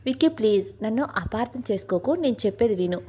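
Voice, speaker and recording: A woman voicing an anxious, gentle young wife in a Telugu audio story, speaking in a hesitant, pleading way. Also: fairly high pitch, lively intonation, fast, slightly rough. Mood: nervous.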